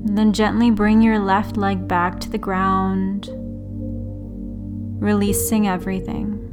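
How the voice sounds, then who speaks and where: Woman, meditation teacher, slow pace, soothing sleep-story narration, long pauses, clear background music. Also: medium pitch, flat delivery. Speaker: yoga and meditation teacher, host. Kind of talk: guided relaxation meditation narration.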